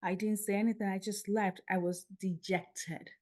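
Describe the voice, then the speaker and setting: Nigerian woman telling a lively story. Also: mid-range voice, moderate pace. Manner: lively storyteller who acts out dialogue. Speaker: guest. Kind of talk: podcast interview storytelling.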